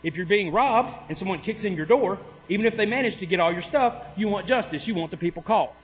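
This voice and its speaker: A man's voice: high-pitched, expressive, quick pace. A man giving a heated, sarcastic public comment speech at a city council meeting, driving his points home with repeated questions. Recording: tinny, echoey hall with mains hum.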